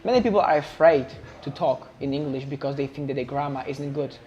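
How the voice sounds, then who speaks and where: A man's voice: mid-range voice, fairly quick, darkish tone, muffled recording. A Polish man with an accent, speaking English as a second language, talking eagerly as a guest on a casual podcast. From Poland. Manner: eager, emphatic, repeats words. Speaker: personal trainer, podcast guest.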